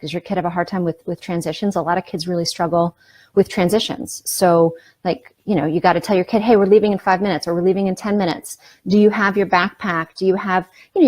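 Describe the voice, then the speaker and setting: A woman's voice: mid-range voice, a little mellow. A middle-aged woman coaching parents in a casual, conversational talk, often checking in with "right?" and "you know".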